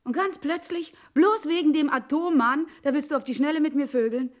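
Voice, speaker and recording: An actress playing a sharp-tongued estranged wife in a stage play, sarcastic and biting, quickly swinging between scolding and mockery. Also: female voice, high voice, close to an everyday voice. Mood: scornful.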